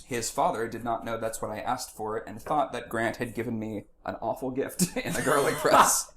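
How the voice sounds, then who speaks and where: A man's voice: medium pitch, animated, moderate pace, bright, forceful tone. Playful man co-hosting a chat. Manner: playful, jokey, slips into silly voices. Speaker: podcast co-host. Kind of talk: casual chat while cooking. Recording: faint background noise, home kitchen.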